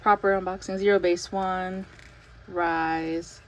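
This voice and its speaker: A young woman chatting casually as she unboxes an album, talking in an excited, breathless way with lots of fillers. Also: fairly low pitch, slow pace, slight background noise, low-quality recording. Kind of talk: casual chat.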